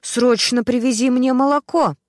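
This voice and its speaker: A woman voicing a demanding young mother who shouts and scolds her husband. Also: a little high, sing-song, moderate pace, no echo, studio quality, voice pushed up. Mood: scolding. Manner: loud, scolding, insistent.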